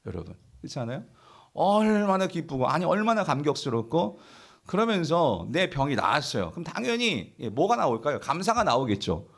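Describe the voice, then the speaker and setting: A man's voice: a little high, sing-song, fairly quick, vocal fry. A male pastor preaching a sermon, asking the congregation questions and answering them himself, now and then acting out the grumbling of the people in the story. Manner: acts out imagined grumbling voices of the people in the story.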